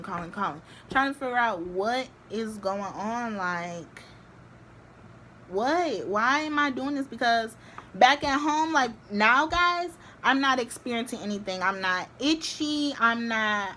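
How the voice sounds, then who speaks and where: A young woman vlogging, telling a story to the camera in a chatty, animated way with many filler likes. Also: on the high side, a little hiss or hum. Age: young adult.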